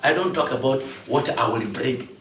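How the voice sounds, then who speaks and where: A man, a candidate speaking at a meeting and turning animated when he stresses a point. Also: normal speed, a little hiss or hum. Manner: animated, rising to a higher, louder pitch when emphatic. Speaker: parliamentary candidate addressing a security committee. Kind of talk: spontaneous address at a meeting. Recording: echoey room from far off, faint ambience.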